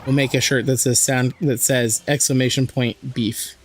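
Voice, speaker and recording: Hoarse man chatting on a game stream. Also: medium pitch, flat delivery, normal speed, faint music behind. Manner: chatty, joking, reads and answers chat. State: hoarse from a sore throat. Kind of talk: casual live-stream chat while playing.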